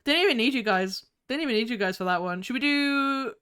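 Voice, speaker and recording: A woman streamer chatting live with her viewers in a bubbly, giggly, excitable way while playing games. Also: on the high side, fairly quick, smooth. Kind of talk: live gaming stream chat.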